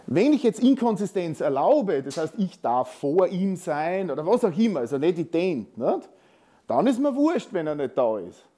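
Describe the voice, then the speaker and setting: A man's voice: high voice, warm tone. A man with an Austrian accent giving a technical conference talk in a lecture hall, conversational and full of tag questions. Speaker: conference speaker.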